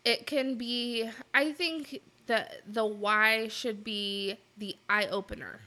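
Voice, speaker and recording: A woman chats casually as a podcast co-host. Her voice sits a little high and has a bright, forceful edge. She talks in a candid, salty, conversational way. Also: steady tone, slow pace. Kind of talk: casual chat.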